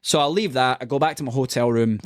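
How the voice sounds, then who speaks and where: Animated Scottish man telling stories. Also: mid-range voice, fast talker, dry recording, studio quality. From Scotland. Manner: animated, swears freely, laughs often. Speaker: podcast guest. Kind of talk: casual storytelling.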